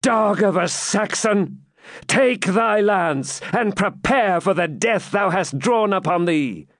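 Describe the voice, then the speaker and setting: A man's voice: mid-range voice, lively intonation, slow, dry recording, clean studio sound. A man reading aloud and voicing a haughty Templar knight, scornful and fierce.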